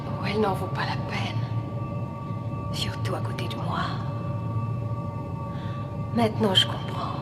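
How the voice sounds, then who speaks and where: An actress dubbing an imperious, seductive demonic temptress in a horror film, with a commanding, theatrical delivery. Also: female voice, mid-range voice, flat delivery, fairly quick, hardly any pauses, natural voice. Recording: film soundtrack with loud music. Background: loud dramatic film music.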